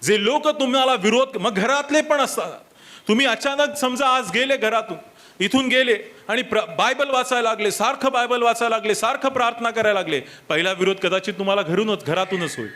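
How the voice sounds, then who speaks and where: A man's voice: very high-pitched, brisk, pushed and bright. A man pastor preaching a sermon at a church service, emphatic, asking his listeners rhetorical questions and repeating reminders, dropping into English now and then. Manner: switches briefly into English for key points.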